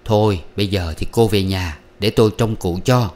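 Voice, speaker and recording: A man's voice: fairly low pitch, normal speed, darkish tone, natural voice. A man reading aloud, voicing a firm, caring eldest brother who speaks in a commanding way.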